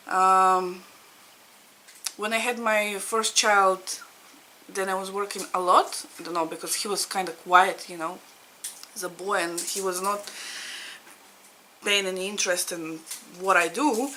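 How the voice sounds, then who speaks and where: A woman's voice: mid-range voice, sharp tone, a little hiss or hum, rough recording. A woman in her thirties from Latvia, a native Russian speaker, chatting casually to camera as a needlework vlogger, laughing often and searching for words. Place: home in Ireland.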